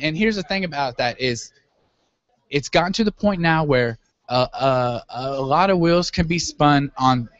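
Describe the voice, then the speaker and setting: A man's voice: fairly high pitch, fairly bright tone. A man speaking as an interview guest, explaining his business field in an earnest, somewhat hesitant, casual way. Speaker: guest, web business owner. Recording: dull, lo-fi audio.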